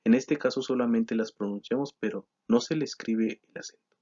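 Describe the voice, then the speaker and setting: A man walks through a grammar lesson, reading from slides. His voice sits at a middle pitch. He keeps a steady explanatory pace, filling pauses with "eh" and correcting himself. The recording sounds slightly dull and lo-fi. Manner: steady explanatory delivery with frequent "eh" and self-corrections. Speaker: teacher presenting a grammar lesson.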